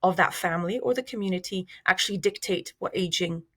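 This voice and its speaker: A woman's voice: on the low side, a bit bright. Thoughtful woman researcher from Iraq. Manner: thoughtful, measured, frequent fillers and restarts. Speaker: researcher guest. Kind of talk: interview answers.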